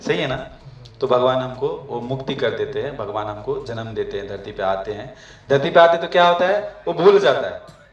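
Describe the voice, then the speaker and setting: A man from Nepal gives a devotional talk to a gathering and keeps quizzing his listeners. His voice sits at a middle pitch. It is recorded from a distance in an echoey room. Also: expressive, moderate pace, lo-fi sound. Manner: asks the audience questions often. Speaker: preacher. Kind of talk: devotional talk to migrant workers.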